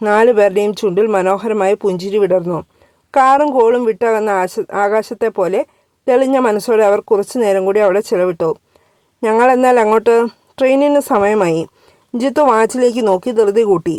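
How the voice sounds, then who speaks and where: A woman narrating a serialized storybook in a steady, even reading voice. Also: mid-range voice, normal speed, no room sound.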